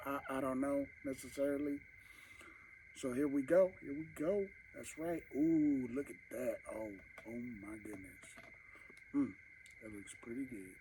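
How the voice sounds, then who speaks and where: A man's voice: fairly high pitch, darkish tone, a little hiss or hum, rough recording. A man vlogging casually to camera while eating, rambling and talking with his mouth full, at home at night. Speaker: mukbang vlogger.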